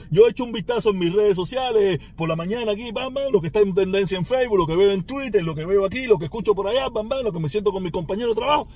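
A man's voice: high voice, darkish tone, slightly rough. A man with a Cuban Spanish accent, ranting at a rival on his podcast in a taunting, sarcastic way with mocking laughs. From Cuba. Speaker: podcast host.

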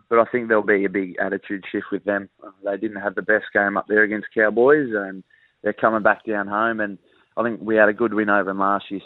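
A low-voiced Australian man speaks as an athlete in a casual interview. He comes through a narrow, tinny phone line with no room echo. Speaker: rugby league player being interviewed.

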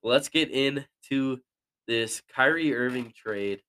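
A man's voice: mid-range voice, takes it slowly, sharp tone, no echo. A young man co-hosting a casual sports podcast, answering in a laid-back, joking, slangy way. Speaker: podcast co-host.

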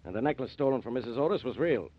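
An actor playing a gruff, blustering, suspicious male police inspector in 1940s radio-drama style, heard as an old radio show broadcast. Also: mid-range voice, animated, very fast. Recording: dull lo-fi vintage radio recording.

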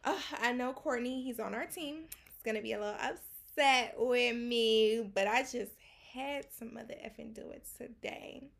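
A woman's voice: a little high, moderate pace, creaky. A young American woman co-hosting a podcast, talking casually and venting in everyday slang. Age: young adult. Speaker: podcast co-host, student.

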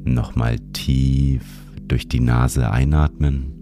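A man narrating a sleep meditation like a bedtime story narrator, guiding the listener gently and soothingly. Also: a bass voice, steady tone, slow pace. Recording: music behind the voice. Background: music.

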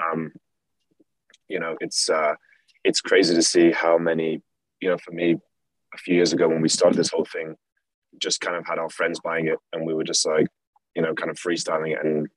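A young man from England, a guest in a casual interview, talking in a relaxed, rambling way with lots of fillers. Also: very deep voice, no echo, low-quality recording. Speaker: guest, clothing brand founder.

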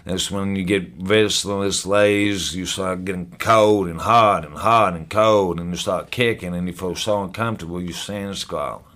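A man's voice: deep voice, fairly even intonation, normal speed, hardly any pauses. A man speaking as a podcast guest, telling his story in a casual, blunt, profane way and restarting sentences as he goes. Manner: blunt and profane, gets loud when reliving moments; repeats words as he restarts sentences.

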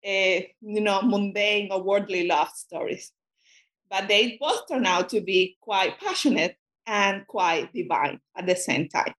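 A woman's voice: medium pitch, a bit bright. A woman who grew up in Cuba and speaks Spanish natively, answering as a guest scholar in an academic interview, thoughtful and often restarting her sentences.

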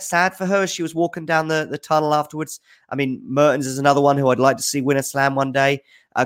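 Here a tennis news host with a voice on the high side takes questions from viewers. He riffs casually and eagerly, working through his answers aloud.

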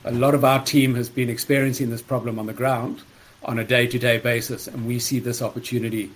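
A man speaks as a guest on a podcast in a mid-range voice. He explains in a steady, businesslike way, with a slight frog in his throat. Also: medium pitch, a little fast, a little hiss or hum. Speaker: guest, startup co-founder. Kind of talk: podcast interview answers.

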